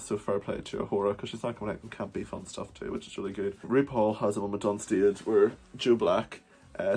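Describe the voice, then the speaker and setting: A man's voice: on the low side, darkish tone, breathy edge. A man in drag doing a casual, rambling vlog review at home, swearing freely and often saying "wee". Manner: uses the word wee. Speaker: drag performer reviewing a TV show.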